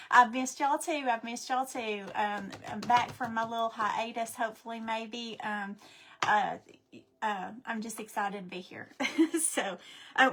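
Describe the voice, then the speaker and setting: Woman host, bubbly and chatty, slightly high voice, casual craft live-stream talk from home. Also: slight background noise. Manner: chatty and excitable, greeting viewers by name.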